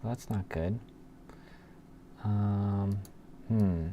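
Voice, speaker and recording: In a fairly low, warm voice, a man mutters his way through a coding live stream at a very slow pace. He thinks aloud casually, with murmured asides, sighs and hums. Keyboard clicking and typing sound throughout the noisy room.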